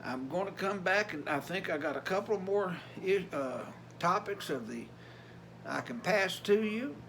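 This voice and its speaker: Older male vlogger, Appalachian Tennessee accent, notably high-pitched voice, folksy and plainspoken, some background noise. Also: lively intonation, a little slow, fairly bright tone. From Tennessee, USA. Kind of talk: casual vlog talk.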